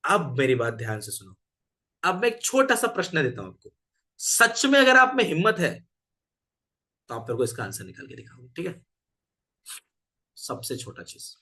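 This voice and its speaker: Teacher quizzing a class. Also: male voice, a little high, huge pitch swings, moderate pace, long pauses, sharp tone. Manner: switches between Hindi, English and Marathi, asks the class questions. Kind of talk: classroom physics lesson.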